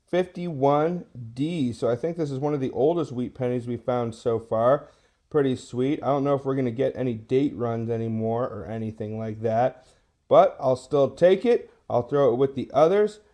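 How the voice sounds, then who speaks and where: A man's voice: medium pitch, dark tone. A man giving casual hobby vlog commentary to his viewers, full of awed exclamations. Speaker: host of a coin roll hunting video.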